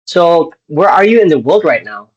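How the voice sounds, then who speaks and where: An Indonesian man hosts a casual podcast interview over a video call, sounding hesitant and using lots of filler words. His husky voice sits a little high, with a sing-song lilt and normal speed. The video call audio is dull and lo-fi.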